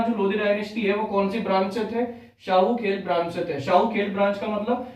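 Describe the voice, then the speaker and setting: Recorded from a distance in a very echoey room, a man with a high, darkish voice gives an exam-prep history lesson in Hindi sprinkled with English terms. Each key fact gets turned into a question, which he then answers.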